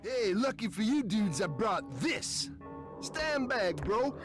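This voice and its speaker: A man's voice: high-pitched, sing-song, takes it slowly, over music, full character voice. An actor voicing a goofy, laid-back surfer-dude alien in a video game, drawling his lines with slang.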